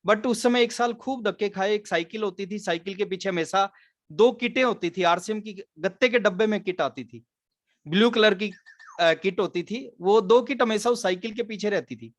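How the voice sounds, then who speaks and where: At a normal speed and with a high voice, a man from Haryana earnestly tells stories during a motivational business training talk, blending English into his Hindi. The recording has no echo.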